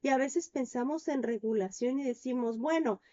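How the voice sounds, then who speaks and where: A woman lecturing a class over a video call, with a mellow, darkish tone. She explains patiently and often stops to check in with her students. The audio sounds dull and lo-fi. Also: high voice, moderate pace. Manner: explanatory, frequent "¿no?" tag questions and "eh" fillers. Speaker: university lecturer. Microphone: computer or headset mic on a video call.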